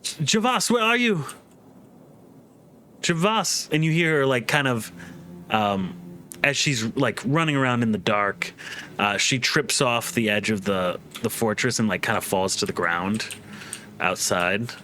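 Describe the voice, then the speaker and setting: A man running a tabletop game as game master, narrating in a halting way with restarts and fillers. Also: fairly low pitch, pushed and bright, a little hiss or hum.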